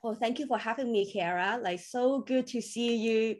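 Guesting on a podcast for a casual interview chat, a woman from Hong Kong who works as a crypto coach tells her story. Cantonese is her first language, so her grammar is loose and she uses many fillers; her voice is a little high and her speed normal.

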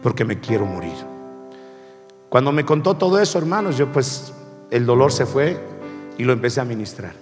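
A male pastor telling a personal story in a sermon, speaking slowly and deliberately and calling his listeners brothers. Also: medium pitch. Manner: slow and deliberate, addressing the congregation as brothers. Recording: long hall reverb with faint music.

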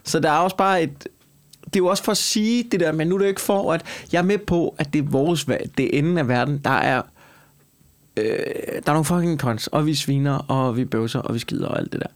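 Animated man, slightly high-pitched voice. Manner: animated, emphatic, swearing, repeats and piles up phrases. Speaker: comedian and talk show co-host. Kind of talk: casual argumentative chat.

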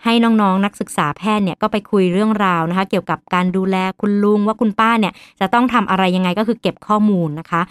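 A woman doctor hosting a podcast who tells a story in a lively way and acts out the voices of the people in it. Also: mid-range voice, fast, few pauses, clean tone, dry recording, clean studio sound.

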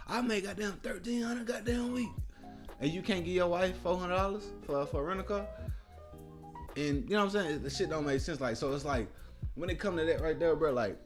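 A man with a slightly high voice tells a rowdy work story on a casual podcast, full of profanity and "bro." He jumps into voices for the people he quotes. Loud music plays behind the talk. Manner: says "bro" often. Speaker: podcast co-host.

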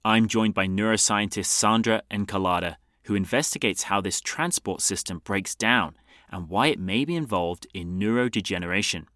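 A man's voice: on the low side, moderate pace, bright, forceful tone, dry recording, clean studio sound. A man hosting a science podcast, reading a polished introduction and asking questions. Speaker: podcast host. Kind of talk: scripted introduction and interview.

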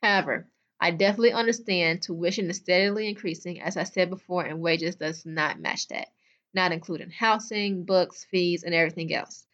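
A woman's voice: fairly low pitch, normal speed, fairly bright tone, dull audio. A young adult woman hosting a solo podcast, talking bluntly and chattily straight to her listeners. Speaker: podcast host. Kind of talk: casual solo podcast talk.

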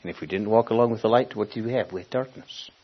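On a dull, muffled lo-fi recording, a male preacher from Honduras delivers a sermon built around stories from his own life. His husky voice sits on the low side, and his conversational manner is halting as he searches for words.

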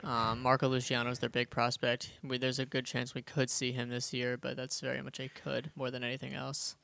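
A man's voice: medium pitch, completely flat delivery, creaky, sharp tone. A man co-hosting a casual sports podcast, talking eagerly and reading statistics aloud. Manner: quick, enthusiastic, reads stats aloud. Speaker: podcast co-host.

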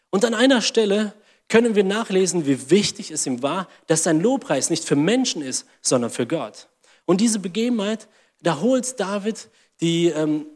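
A man's voice: sits high, a little mellow, big-room sound. A man preaching a sermon, reading scripture aloud and acting out mocking inner voices.

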